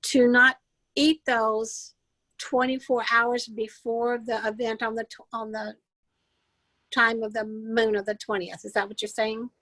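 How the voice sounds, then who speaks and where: A woman's voice: on the high side, little pitch movement, measured pace, fairly bright tone, no echo, poor audio. A woman co-hosting a casual interview, asking questions and restating points to clarify them. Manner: inquisitive, repeats and rephrases to clarify. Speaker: co-host interviewer.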